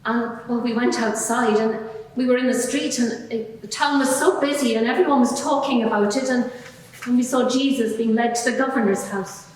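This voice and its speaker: A woman playing Mary Magdalene, a frank prostitute in her forties, giving plain, halting, earnest testimony in a courtroom drama. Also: on the high side, fairly even intonation, lightly acted. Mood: sombre. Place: large reverberant courtroom. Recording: echoey hall, distant microphone.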